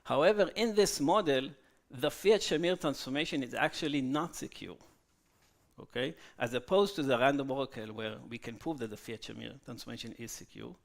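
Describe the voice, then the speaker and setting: A man giving a technical conference talk, halting with fillers and checking in with "okay?" after each point. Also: medium pitch, creaky. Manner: frequent "okay?" tag questions, halting with fillers. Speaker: conference speaker. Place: conference hall.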